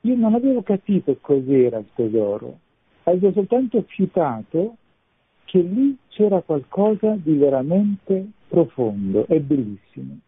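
A man's voice: a little high, very animated, unhurried, slightly rough, dry recording. A man, a parish priest calling in as a guest, heard over a phone line, telling his story thoughtfully and searching for words with small restarts. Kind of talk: radio call-in testimony. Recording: tinny dry phone line.

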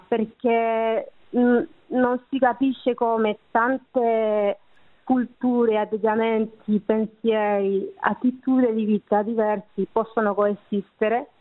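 An Italian-speaking woman gives a reflective personal testimony as a guest, searching for words, in narrow phone-like sound. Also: medium pitch. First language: not Italian. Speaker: interview guest.

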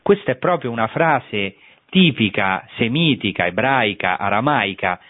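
A man's voice: mid-range voice, expressive, measured pace. A man giving an explanatory Bible lecture, thoughtful and hesitant as he searches for words. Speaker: Bible teacher. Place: on site at a historic holy place. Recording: thin phone-like radio broadcast.

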